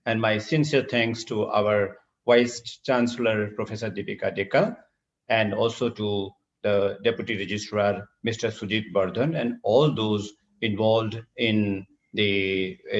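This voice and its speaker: A middle-aged surgeon from Assam, India, delivers a formal university lecture with a lowish, steady, somewhat slow voice. He hesitates, fills gaps with filler sounds and restarts, and the screen-recorded online session has dull lo-fi call audio.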